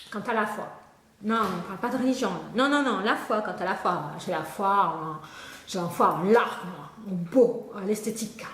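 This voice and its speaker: A woman's voice: medium pitch, a bit bright. Scatterbrained woman tutor in an echoey room. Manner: scatterbrained, rambling, talks to an unseen student, trails off and laughs. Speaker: comic spelling tutor. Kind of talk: comedic monologue to an imagined pupil. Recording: echoey room with faint noise.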